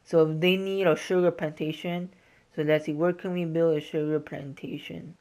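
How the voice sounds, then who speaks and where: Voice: medium pitch, level tone, moderate pace, darkish tone. A gaming host giving informal, explanatory walkthrough commentary in a casual style.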